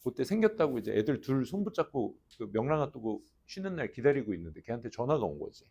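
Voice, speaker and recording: A man's voice: big pitch swings, fast talker, gravelly, darkish tone, husky. A man teaching English at a cram school, casually telling his students a story and acting out the voices in it. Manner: chatty, acts out quoted voices, trails into low mutters.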